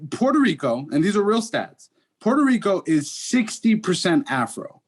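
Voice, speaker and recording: A man's voice: high-pitched, big pitch swings, normal speed, breathy edge. A Dominican American man in a casual podcast discussion, explaining his views earnestly with statistics and many restarts. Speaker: podcast co-host.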